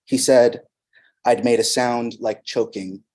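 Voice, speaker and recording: A man reading his own poems aloud at a reading event, measured and soft at the line ends. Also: mid-range voice, steady tone. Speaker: poet reading his work. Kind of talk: poetry reading. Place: arts center reading event.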